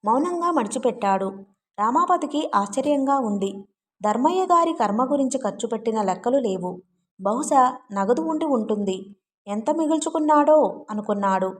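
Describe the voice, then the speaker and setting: Woman reading an audiobook novel, fairly high voice, steady even telling. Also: moderate pace. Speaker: audiobook narrator. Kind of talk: scripted narration.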